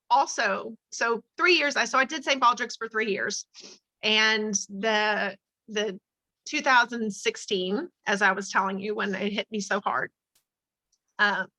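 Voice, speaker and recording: A woman's voice: on the high side, takes it slowly, sharp tone, dry recording, rough recording. A middle-aged woman, a teacher and advocate, telling a personal story in conversation, earnest and emotional, with many fillers and restarts. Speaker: interview guest, teacher and charity advocate.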